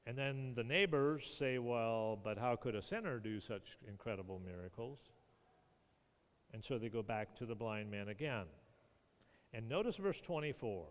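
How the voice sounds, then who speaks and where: A man delivering a lively sermon, voicing the people in the passage as he tells it. His voice sits at an ordinary middle pitch. The sound carries a long reverb, as in a large hall. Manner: animated storytelling, acting out the people in the text. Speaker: pastor.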